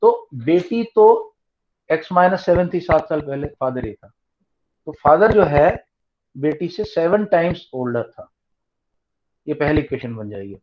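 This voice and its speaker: A male maths tutor with a slightly high voice talks slowly through each step of a problem, repeating the key terms. He mixes Hindi and English in an online class. The recording sounds dull and lo-fi. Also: lively intonation, a little hiss or hum.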